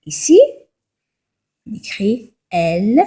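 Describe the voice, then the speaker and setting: A young woman, teaching a slow primary-school lesson and spelling out syllables and letters one by one. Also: mid-range voice, very animated, mellow. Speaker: French teacher.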